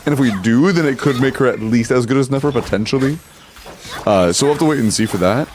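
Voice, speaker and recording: Talking quickly in a medium-pitched, somewhat dark voice, a man comments casually on his game for his livestream chat. He uses a headset mic and stumbles and repeats himself as he reacts.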